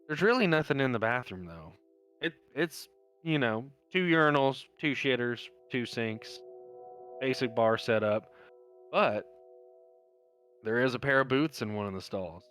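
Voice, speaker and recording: Bright-voiced man running a tabletop game. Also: mid-range voice, lively intonation, unhurried, long pauses, clear, resonant tone, faint music behind. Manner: casual, rambling, laid-back narration. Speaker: game master.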